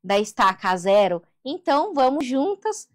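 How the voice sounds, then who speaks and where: A Brazilian woman guest speaks in a fairly high voice. She recounts her own story with earnest conviction and faith. Her phrases often end with a quick "né". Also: sing-song. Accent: Brazilian Portuguese. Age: adult daughter of a seventy-year-old mother. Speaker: therapist and behavioral coach, interview guest. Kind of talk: emotional personal storytelling.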